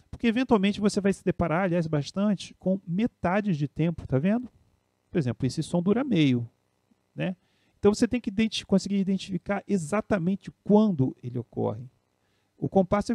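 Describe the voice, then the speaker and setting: Brazilian male music teacher, patient step-by-step explainer, higher-pitched voice with a gravelly edge. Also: warm tone, no echo, studio quality. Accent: Brazilian Portuguese. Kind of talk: spoken piano and music theory lesson.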